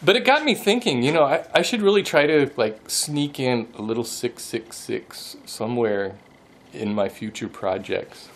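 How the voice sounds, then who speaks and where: A man's voice: mid-range voice, animated, normal speed, a little hiss or hum. Chatty man vlogging from his workshop. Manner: chatty, self-amused, laughs often. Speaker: woodworking channel host. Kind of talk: casual vlog chat. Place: home wood shop, indoors. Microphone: handheld camera at arm's length.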